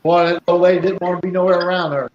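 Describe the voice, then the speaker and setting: A man's voice: high-pitched, level tone, racing. A man in a casual chat, rambling through a story over a remote mic that keeps cutting out, so his volume comes and goes. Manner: rambling, repeats himself while telling a story. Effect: mic cutting out every few seconds, uneven volume. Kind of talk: casual chat, telling an anecdote. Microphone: remote mic, sitting far from it. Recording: echoey, dull remote mic with faint noise.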